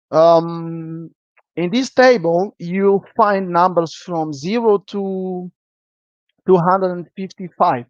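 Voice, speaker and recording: In this live-streamed programming lesson, the teacher's medium-pitched voice is slightly mellow, with no echo on the dull, dry recording. A native Portuguese speaker, he often checks in by asking "okay?"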